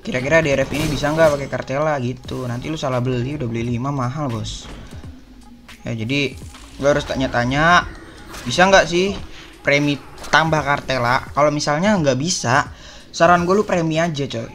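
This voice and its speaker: A man's voice: on the high side, moderate pace, fairly bright tone, soft background music. A young man from Indonesia giving casual gameplay tips, chatty and slangy, calling his viewers boss and buddy. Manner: slangy, chummy, addresses viewers as bos and coy. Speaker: gaming YouTuber.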